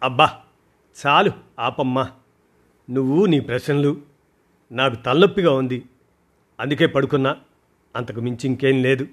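A man voicing a frightened, tearful teenage schoolgirl who pleads in a high, strained voice. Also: a little slow, long pauses, fairly bright tone. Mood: irritated. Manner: sobbing, pleading, high-pitched.

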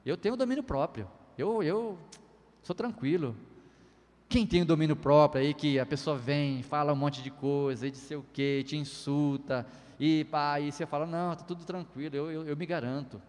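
A middle-aged man preaching a sermon in a chatty way, firing rhetorical questions and tagging lines with 'né'. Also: a little high. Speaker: pastor. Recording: long hall reverb.

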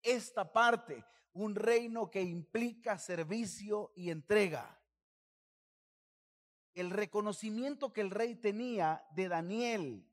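Speaking slowly in a high-pitched voice, a male pastor preaches a sermon with emphasis, repeatedly calling on the congregation to say phrases back with him.

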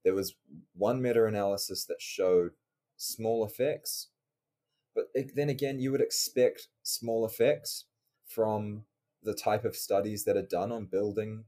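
A man explaining research as an interview guest, measured and careful in how he puts things. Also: on the low side, fairly even intonation, mellow. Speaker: podcast guest, researcher and online coach.

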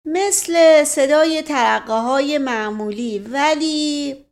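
A woman's voice: sits high, creaky, pitched above the performer's own voice. A woman voicing a flustered, hasty young male cousin in a storybook reading.

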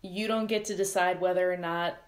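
A woman's voice: fairly low pitch, fairly even intonation, brisk. A woman co-hosting a casual podcast chat, hesitant as she searches for her words.

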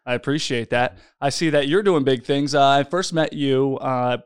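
A young man hosting a casual podcast from his home studio, chatty and quick to laugh, with loose restarts. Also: mid-range voice, clear, resonant tone, no room sound. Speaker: podcast host.

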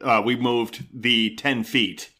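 A man's voice: mid-range voice, level tone, slow pace, sharp tone. A middle-aged man co-hosting a home podcast with his son, chatting casually and joking self-deprecatingly from the dining room table. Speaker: podcast co-host, the dad. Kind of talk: casual chat.

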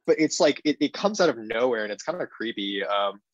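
A man's voice: medium pitch, lively intonation, fairly quick, no room sound, highs cut off. Dry-sounding man in casual chat. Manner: rambling, filler-heavy, amused. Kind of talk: casual chat recapping a movie.

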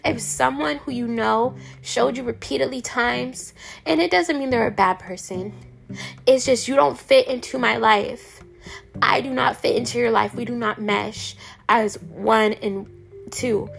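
Raspy woman in a heated rant. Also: on the high side, measured pace. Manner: heated, irritated, cussing freely. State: hoarse. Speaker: podcast host. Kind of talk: ranting monologue.

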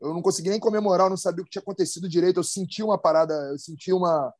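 Slangy, excited male surfer storyteller. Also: high-pitched, very fast, no room sound, studio quality. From Brazil. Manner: slangy, excited, many restarts and sound effects. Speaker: professional big-wave surfer, guest. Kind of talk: casual storytelling in a podcast chat.

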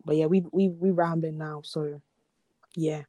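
A woman's voice: low voice, fairly even intonation, a little slow, warm tone, no room sound. A young woman co-hosting a podcast, chatting casually and rambling with lots of fillers. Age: young adult. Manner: rambling, laid-back, with many fillers. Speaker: podcast co-host.

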